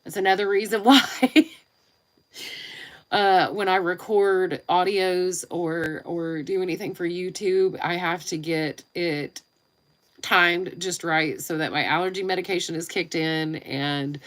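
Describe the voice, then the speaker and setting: A woman's voice: fairly low pitch, steady tone, a little slow. A woman with a nasal, congested voice, chatting informally and in a rambling way as she hosts a casual live stream. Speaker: live streamer and YouTube creator.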